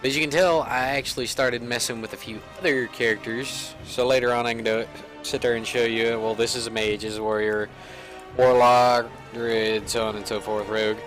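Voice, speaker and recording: A man's voice: mid-range voice, steady tone, a little fast, a bit bright, faint music behind. A man giving rambling, self-mocking, casual commentary while he plays a video game. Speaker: let's play gamer.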